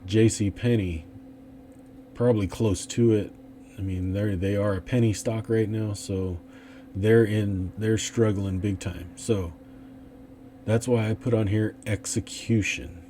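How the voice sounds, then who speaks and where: A man's voice: lowish voice, steady tone, a little slow, dark tone, a little hiss or hum. A man hosting an investing channel, talking through stock picks in a casual, rambling way with many fillers and restarts. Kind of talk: casual stock analysis talk.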